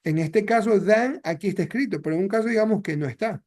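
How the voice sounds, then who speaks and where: An English teacher with a high-pitched, darkish voice speaks at a quick pace, slightly raised, as he patiently explains grammar in a classroom lesson. He moves easily between Spanish and English with his students.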